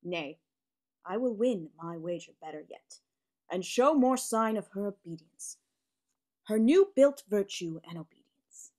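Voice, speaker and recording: A woman's voice: medium pitch, expressive, dark tone, close to an everyday voice. A woman reading a proud, commanding nobleman. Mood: boastful. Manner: slow, declaiming.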